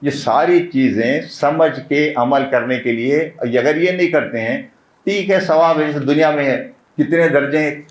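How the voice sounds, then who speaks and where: Man preaching informally, earnest and insistent, a bit high-pitched, in an echoing room. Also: normal speed. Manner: earnest, repeats key phrases for emphasis. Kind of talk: informal religious talk. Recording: roomy echo.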